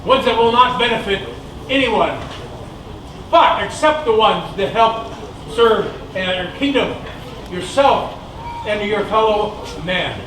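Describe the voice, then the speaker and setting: Male knight officiating: formal, exhorting ceremonial delivery, recorded from a distance with clear background noise. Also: high-pitched, animated, slow, pauses often, fairly bright tone. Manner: formal, exhorting, in short declarative phrases. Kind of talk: ceremonial address. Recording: echoey, distant, noisy live recording.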